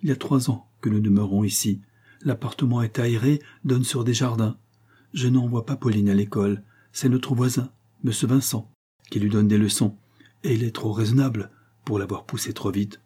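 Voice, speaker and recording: A man's voice: fairly low pitch, fairly even intonation, normal speed, dark tone, slightly rough. A man voicing a tearful widowed mother. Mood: tearful pleading. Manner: pleading, breaking off in sobs. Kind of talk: audiobook reading.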